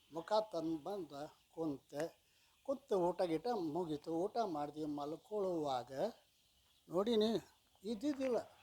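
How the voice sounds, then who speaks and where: A man giving a storytelling religious discourse as a swami, swinging between soft asides and loud emphatic lines. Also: high voice. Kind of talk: storytelling sermon.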